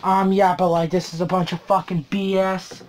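A woman vlogging in a profane, sarcastic rant that swings between loud outbursts and low mutters. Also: little pitch movement, moderate pace, a little hiss or hum. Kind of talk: ranting casual vlog.

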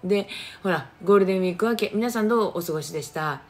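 A woman's voice: mid-range voice, rapid-fire. Chatty Kagoshima-accented woman live-streaming. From Japan, Kagoshima. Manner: chatty, animated, greets viewers by name. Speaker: livestream host reading viewer comments. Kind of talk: casual livestream chat.

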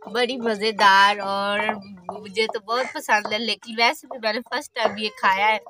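A woman's voice: mid-range voice, fairly even intonation, normal speed, pushed and bright. Young woman from Pakistan, chatty cooking vlogger who laughs a lot, light background noise. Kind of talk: casual cooking vlog. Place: rural courtyard, outdoors and in a brick kitchen.

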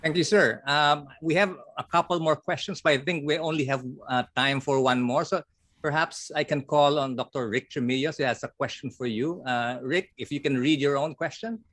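A man's voice: fairly high pitch, steady tone, a bit bright, no echo. Man moderating a Q&A, dry sound. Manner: brisk, polite time-keeping. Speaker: session moderator. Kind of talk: moderating an online Q&A.

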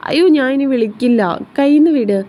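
A woman's voice: high-pitched, fast, warm tone, voice pushed up, close to an everyday voice. A woman voicing a coy, sulky young woman who whines and pouts. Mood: pouting. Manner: whiny, pouting.

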